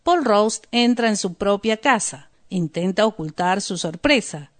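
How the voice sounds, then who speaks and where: A woman narrating a story slowly and deliberately for language learners, then reviewing vocabulary. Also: mid-range voice, animated. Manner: slow, deliberate, clear. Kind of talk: slow scripted narration for learners.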